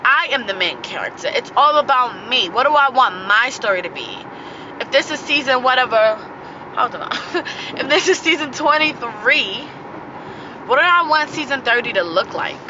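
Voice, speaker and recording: A woman's voice: high-pitched, animated, moderate pace. A woman hosting her own podcast, talking casually and with slang, laughing here and there as she gives a motivational talk. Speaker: podcast host. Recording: muffled audio with clear traffic noise.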